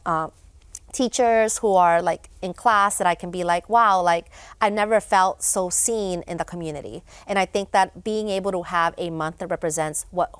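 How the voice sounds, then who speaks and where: A woman's voice: on the low side, clear, resonant tone, no echo. A young woman from Honduras, a guest in a studio interview, talking casually with many fillers and restarts. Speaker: guest, event founder.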